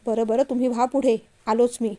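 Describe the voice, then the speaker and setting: A woman's voice: fairly high pitch, flat delivery, fairly quick, mellow, lightly acted. A woman reading as a whiny, childish young man. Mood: earnest. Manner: pleading, whiny.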